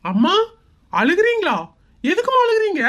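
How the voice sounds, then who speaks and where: A woman's voice: very high-pitched, sing-song, normal speed, fairly bright tone, exaggerated voice. A woman voicing a harried middle-aged husband and son in a cartoon skit, pleading and soothing.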